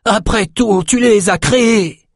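A man's voice: sits high, unhurried, gravelly, slightly rough, dry recording, studio quality, pitched above the performer's own voice, exaggerated voice. A man doing an urgent young wizard.

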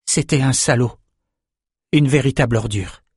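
A man's voice: medium pitch, moderate pace, breathy edge, no room sound, clean studio sound. A man voicing a troubled young man in an audiobook, defensive and strained. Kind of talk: audiobook character voice.

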